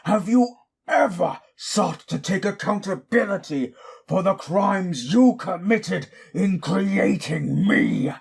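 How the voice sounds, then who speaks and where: Frankenstein's monster, raspy and slow. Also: male voice, on the high side, a little mellow, full character voice. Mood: furious, tormented. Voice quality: raspy, gravelly. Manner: slow, deliberate, theatrical, archaic formal diction. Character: Frankenstein's monster, bitter, anguished, wrathful abandoned male creation. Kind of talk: dramatic audio roleplay monologue.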